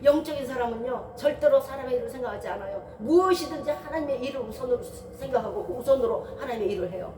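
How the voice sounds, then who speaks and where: A woman's voice: high-pitched, animated, fast talker, hardly any pauses, recorded from a distance, a crowd in the background. A woman pastor giving a Sunday sermon in a conversational way, asking many rhetorical questions and briefly acting out people's voices. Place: church sanctuary. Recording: roomy church, voice from afar.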